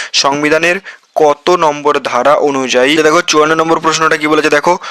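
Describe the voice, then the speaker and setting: A man's voice: on the high side, bright, forceful tone, no echo. A man teacher running an exam-prep quiz lesson, reading each question aloud and then answering it himself, often calling his listeners "bhai" and correcting his own slips.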